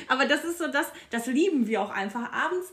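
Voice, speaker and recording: A chatty woman with a Ruhr German accent, talking at a slightly high pitch. She co-hosts a relaxed evening podcast chat, with plenty of fillers and easy laughter. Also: normal speed. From Ruhr area, Germany. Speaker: podcast co-host.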